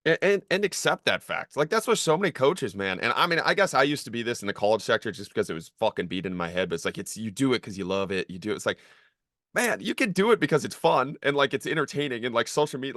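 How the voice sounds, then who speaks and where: A young man hosting a podcast, talking casually in a rambling way full of fillers and swearing, and getting animated as he goes. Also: mid-range voice, quick pace, dry recording, studio quality. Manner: rambling, filler-heavy, profane, gets animated. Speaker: podcast host, former college strength coach.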